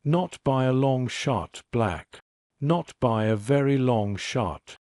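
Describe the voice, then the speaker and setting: Man reading as a gruff federal agent. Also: mid-range voice, expressive, slow pace, darkish tone, no echo, studio quality. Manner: growling, curt.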